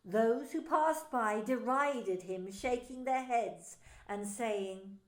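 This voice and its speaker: A woman pastor narrating a scripture story in a slow, solemn reading. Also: a little high, echoey room.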